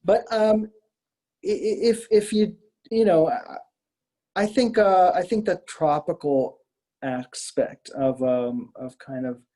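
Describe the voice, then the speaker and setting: His voice sits high and warm, and he speaks slowly. He's a middle-aged American artist from the Miami area of Florida, giving a casual interview in a hesitant, rambling manner full of repeated words.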